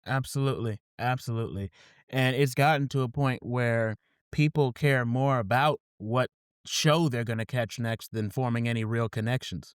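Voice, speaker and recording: A man's voice: medium pitch, steady tone, normal speed, clean tone, no echo, studio quality. A man hosting a podcast, reading a scripted opening and then chatting casually, often repeating "absolutely". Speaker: podcast host.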